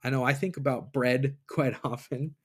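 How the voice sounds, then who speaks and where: A man's voice: mid-range voice, fairly even intonation, moderate pace, slightly rough. Man casually thinking aloud about faith. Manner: thinking aloud, retelling scripture in casual everyday words. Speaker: podcast host. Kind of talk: casual reflective monologue on faith. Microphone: computer mic, recording in a browser app.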